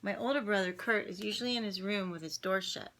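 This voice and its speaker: A woman reads a children's picture book aloud for kids at home, lively and chatty with little laughing asides. Her voice is bright and forward, sitting in a middle pitch. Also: fast. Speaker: singer reading a children's book online.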